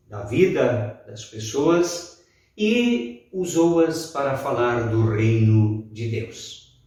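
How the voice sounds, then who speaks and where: A man delivering a sermon with a slow, measured pace and careful pauses. His voice sits back from the microphone in a strongly echoing church, so the room rings around every phrase. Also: mid-range voice, darkish tone. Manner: slow, deliberate preaching with pauses. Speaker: pastor. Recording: very echoey room, voice far from mic.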